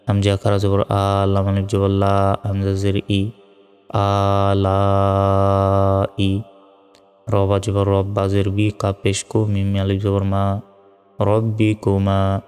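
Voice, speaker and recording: A man teaching recitation in a low, flat and very slow voice, spelling out letters before chanting each verse. His tone is smooth and mellow. Long reverb and faint music sit behind him. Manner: spells out letters and vowel marks, then recites slowly in a drawn-out chant. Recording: reverberant room with soft music.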